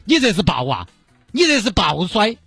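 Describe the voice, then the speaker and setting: A shrill, nagging young woman with a Sichuanese lilt, as a man puts her on in high falsetto. Her pitch swings wildly between sulky and indignant. The voice is a little husky and sits dry and close, over faint music. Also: wildly swooping pitch, normal speed, fairly bright tone, no echo, heavily acted. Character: whiny young woman, demanding girlfriend.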